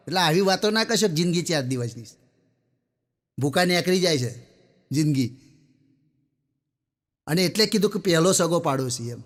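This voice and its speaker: A man's voice: sits high, a bit bright. A man doing a stand-up comedy set, chatting with the audience and telling joke stories, acting out the characters. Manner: chatty, addresses the audience as sir, acts out characters. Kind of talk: stand-up jokes and storytelling.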